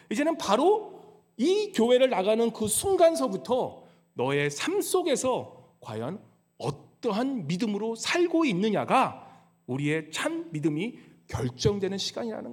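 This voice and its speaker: Animated high-voiced pastor preaching. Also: male voice. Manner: animated, swings between loud rebuke and hushed lows. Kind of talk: sermon. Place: church sanctuary.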